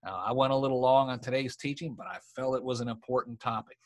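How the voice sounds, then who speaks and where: A man's voice: mid-range voice, level tone, fast talker. A man hosting his own podcast, teaching in an emphatic style full of rhetorical questions. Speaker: podcast host and podcast coach. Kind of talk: teaching monologue.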